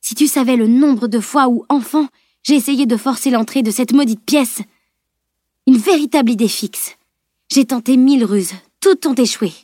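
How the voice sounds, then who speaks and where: A woman's voice: high-pitched, normal speed, mellow, no echo, clean studio sound, pitched above the performer's own voice. A woman reading an audiobook, voicing a bold, blunt young female sword fighter who speaks frankly and with spirit.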